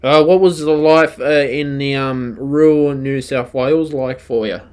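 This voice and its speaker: A man's voice: mid-range voice, measured pace, darkish tone, smooth. A man hosting a radio interview, encouraging his guest with short backchannels and stumbling starts. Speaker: radio show host. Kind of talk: casual interview chat.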